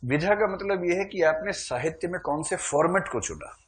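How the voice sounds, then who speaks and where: A man's voice: high-pitched, lively intonation, moderate pace. A man teaching a literature class, explaining terms patiently and lightening the lecture with humorous asides and chuckles.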